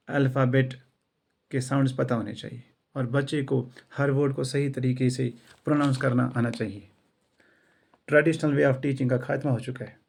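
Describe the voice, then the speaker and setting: Male teacher from India, earnest motivational talk, gravelly voice, mellow dark tone, repetitive rhetoric. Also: medium pitch. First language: not English; self-taught English. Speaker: school English teacher.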